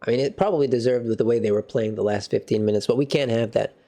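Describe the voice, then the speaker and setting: Excitable guy ranting about a match, slangy banter, mellow dark voice. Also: mid-range voice, fast talker. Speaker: football fan channel host. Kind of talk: casual match reaction.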